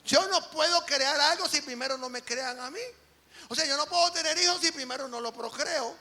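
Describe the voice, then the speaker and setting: A man preaching an emphatic sermon as an apostle, dropping to quiet lines and rising to shouts. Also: very high-pitched, moderate pace, long reverb tail.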